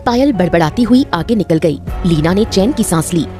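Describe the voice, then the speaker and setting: A woman narrating a cartoon story with expressive, scripted storytelling. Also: lowish voice, moderate pace, soft background music.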